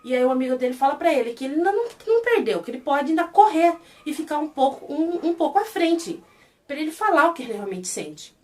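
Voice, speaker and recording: Fast, high-voiced Brazilian woman reviewing a series. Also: recorded from a distance. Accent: Brazilian Portuguese. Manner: animated, exasperated retelling of scenes. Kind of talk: casual spoken review.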